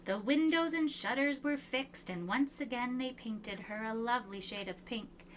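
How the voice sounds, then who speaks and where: A woman with a somewhat high voice reads a picture book aloud like a preschool storyteller, expressive and measured, with emphatic pauses. The audio is poor, with slight background noise.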